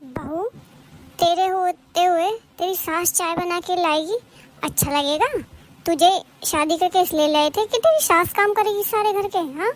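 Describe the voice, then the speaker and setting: A sharp-tongued middle-aged neighbor aunt, played by a woman in a home-drama cartoon. Her voice sits very high and thin, and she scolds and grumbles in a steady nagging manner. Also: unhurried. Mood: scolding. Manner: scolding, complaining. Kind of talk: animated cartoon voice acting.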